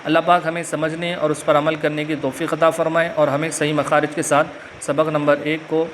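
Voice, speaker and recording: A man with a Pakistani Urdu accent teaching a religious lesson and stretching out letter sounds slowly, with filler pauses. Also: on the high side, level tone, slight background noise. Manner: slow drawn-out letter recitation with frequent filler pauses. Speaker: Quran reading teacher. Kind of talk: religious lesson with Arabic invocations.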